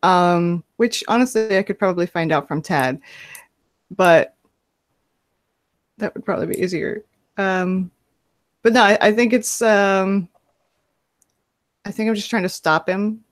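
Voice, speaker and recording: A woman's voice: medium pitch, unhurried, pauses often. A woman playing a tabletop game, talking casually and hesitantly with many fillers and some laughter. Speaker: player.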